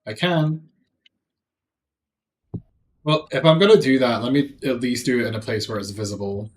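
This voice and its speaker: A man's voice: mid-range voice, moderate pace, slight background noise. A man giving casual gameplay commentary on a livestream, thinking aloud and joking with his chat. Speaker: streamer.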